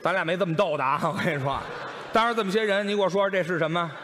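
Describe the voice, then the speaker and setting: A man with a Beijing accent playing the supporting role in crosstalk comedy, chiming in quickly and protesting in exasperation. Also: high voice, noisy background. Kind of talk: comic crosstalk backing.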